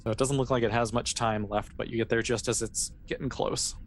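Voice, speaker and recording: A man acts as game master for a tabletop role-playing game, narrating in an informal, hesitant, piece-by-piece way. His voice is medium-pitched, steady, and slightly fast, with clear background noise in the recording.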